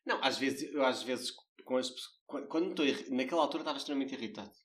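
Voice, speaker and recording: A young man with a European Portuguese accent, telling a story in casual chat in a blunt, animated way with frequent restarts. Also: mid-range voice, racing. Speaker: co-host telling a customer service story.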